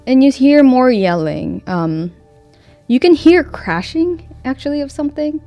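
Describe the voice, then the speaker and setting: A woman narrating a tabletop role-playing game as game master, unhurried and full of pauses. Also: sits high, sing-song, dull audio, soft background music. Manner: slow, unhurried, with fillers.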